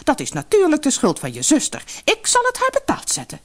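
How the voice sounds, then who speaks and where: A woman doing a shrill, greedy mother. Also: huge pitch swings, a little fast. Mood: angry. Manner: shrill, exclaiming, loud.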